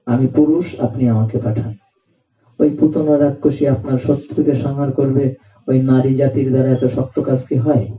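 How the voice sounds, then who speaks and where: A man's voice: mid-range voice, little pitch movement, moderate pace, close to an everyday voice. A man voicing a boastful male demon who brags and scorns others, heard in a roomy, distant and dull recording. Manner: arrogant, scornful.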